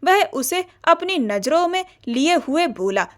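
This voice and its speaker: A woman reads a romance novel aloud in a high voice. Her delivery is lively and expressive, rising and falling as she tells the story. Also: measured pace. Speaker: narrator. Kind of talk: audiobook narration of a romance novel.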